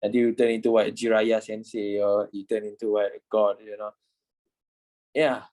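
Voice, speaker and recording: A man's voice: on the low side, flat delivery, moderate pace, warm tone, low-quality recording. A man in his twenties, a trading instructor talking informally in an online class, repeating himself and swearing casually. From Malaysia. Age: 20s.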